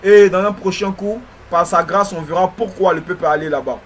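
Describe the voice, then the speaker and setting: A man's voice: sits high, brisk, a little hiss or hum. A man with a slight lisp teaching religious history in a didactic way, repeating phrases and checking in often.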